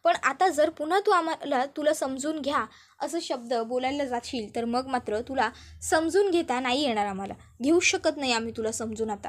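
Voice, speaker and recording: A stern older father figure, lecturing at length in a firm tone, done by a woman narrator. The voice stays high, with no attempt to drop it. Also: natural voice.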